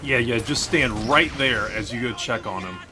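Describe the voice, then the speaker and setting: A man's voice: medium pitch, normal speed, sharp tone, faint music behind. Joking gamer guy, cave-like echo. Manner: chatty and joking, laughs easily. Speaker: gameplay video host. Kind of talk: casual let's-play commentary. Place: unfamiliar room with poor acoustics, not his usual setup. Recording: cave-like echo from a makeshift recording spot.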